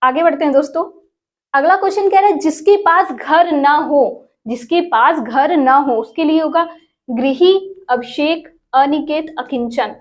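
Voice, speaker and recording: Speaking at a measured pace in a high-pitched voice, a woman leads an exam prep lesson. She treats her viewers like friends, posing questions and then repeating every answer.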